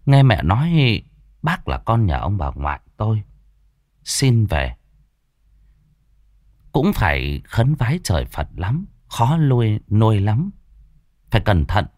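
A man, narrating a ghost story in a dramatic, expressive way. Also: fairly low pitch, no room sound, studio quality.

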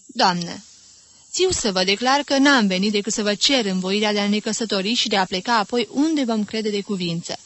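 A woman's voice: mid-range voice, fairly bright tone, dry recording, lightly acted. A woman reading an audiobook, voicing a formal, courteous young man asking for a marriage. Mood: earnest.

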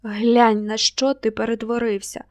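A woman's voice: a little high, level tone, unhurried. A woman voicing a jealous, tearful young woman who speaks reproachfully to her lover. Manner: reproachful, quiet.

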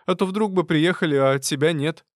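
A man's voice: a little high, a little fast, dry recording, clean studio sound, voice pushed up, natural voice. A man voicing a naive, fretful elderly woman neighbor who mumbles and frets. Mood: evasive.

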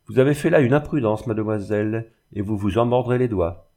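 A man voicing a fussy, pompous older male notary in an audiobook, speaking in a raised, indignant pitch. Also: a little fast, dark tone, lightly acted. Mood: scolding.

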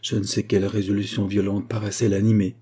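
A man reading a classic novella aloud as scripted narration, in a measured, dramatic manner. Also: on the low side, little pitch movement, dark tone, slightly rough. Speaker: audiobook reader.

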